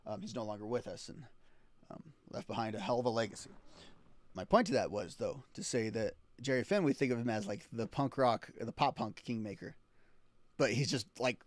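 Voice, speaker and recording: A man hosting a podcast, chatting casually about music, swinging between excited bursts and quiet asides. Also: mid-range voice, no echo. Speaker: podcast host.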